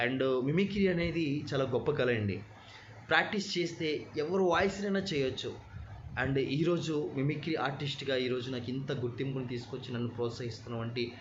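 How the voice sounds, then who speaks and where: A man from Telangana, a mimicry artist chatting with viewers on a live stream, thanking commenters and mixing in English. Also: mid-range voice. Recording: lo-fi live stream, faint noise.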